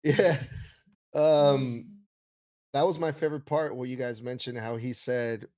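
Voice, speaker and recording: A man's voice: medium pitch, little pitch movement, measured pace, darkish tone. A man co-hosting a podcast, giving casual conversational commentary and acting out what others said as he retells it. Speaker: podcast co-host.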